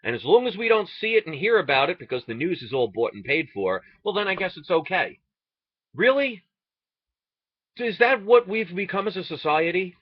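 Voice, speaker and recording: Animated, high-pitched man on an indignant rant. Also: no echo, lo-fi sound. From United States. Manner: indignant, sarcastic, rhetorical questions. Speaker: online video ranter. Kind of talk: impassioned political rant.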